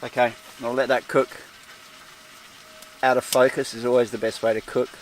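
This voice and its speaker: A man's voice: mid-range voice, little pitch movement, moderate pace, a little hiss or hum. A man, chatting casually to the camera inside a small tent with a wood stove and rambling in self-deprecating asides. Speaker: outdoor vlogger. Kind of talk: casual solo vlog commentary.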